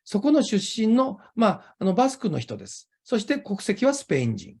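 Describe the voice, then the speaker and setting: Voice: medium pitch, wildly swooping pitch, very fast, vocal fry, darkish tone, slightly rough. An interview host, a native Japanese speaker with a Japanese accent, talking in a conversational style.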